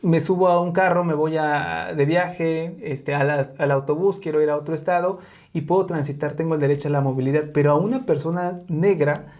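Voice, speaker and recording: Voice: mid-range voice, steady tone, fairly quick, a little mellow. Reflective podcast host. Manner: reflective, long winding sentences. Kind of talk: casual interview conversation.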